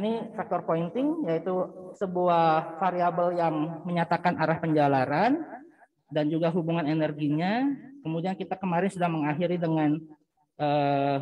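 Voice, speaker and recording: A man giving a university physics lecture, explaining patiently, often pausing with fillers and searching for words. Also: on the high side, darkish tone, poor audio. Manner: patient explaining, checking in with frequent "ya".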